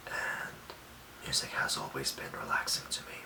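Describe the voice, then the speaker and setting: A young man from Lithuania, giving soft, reassuring self-care tips in a whispered ASMR talk. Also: roomy sound, distant mic, low-quality recording. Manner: soft, slow and gently reassuring. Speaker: ASMR host.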